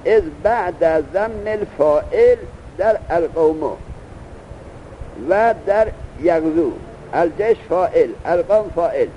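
High-voiced man teaching a grammar lesson. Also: muffled recording, slight background noise. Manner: explains step by step, asking students questions.

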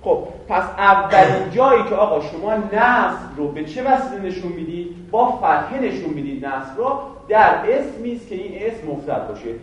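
A man's voice: high-pitched, big pitch swings, few pauses. A man teaching a grammar lesson to a class, firing questions at the students and answering them himself. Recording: very echoey room from far off.

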